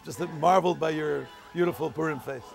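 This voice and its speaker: A man's voice: a little high, a little fast, gravelly, soft background music. A man, a rabbi, giving a holiday video message outdoors in a city, teaching through stories and Hebrew quotations.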